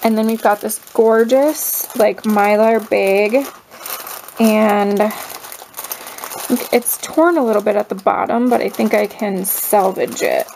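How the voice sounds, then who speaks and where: A woman in her thirties chatting through an unboxing, slow and drawn out, with a gravelly fry to her voice. She gasps and gushes over each little gift, and faint noise sits under the recording. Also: medium pitch, steady tone, poor audio. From United States. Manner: gushing, gasping, lots of "oh my gosh"; slow, drawn-out speech with soft breathy asides. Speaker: crafter unboxing a mail swap. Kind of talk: casual unboxing vlog.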